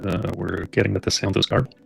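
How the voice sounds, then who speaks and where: A man co-hosting a livestream, speaking haltingly with fillers as his audio comes through garbled and crackling. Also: low-pitched, level tone, gravelly, breathy edge, soft background music. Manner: halting, filler-heavy, reads out chat. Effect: garbled, crackling stream audio. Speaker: livestream co-host. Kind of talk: casual livestream chat.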